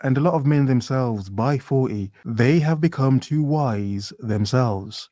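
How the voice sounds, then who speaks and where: A man's voice: mid-range voice, unhurried, dark tone, no echo, studio quality. A man giving blunt, lecturing commentary as a co-commentator. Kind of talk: opinionated commentary.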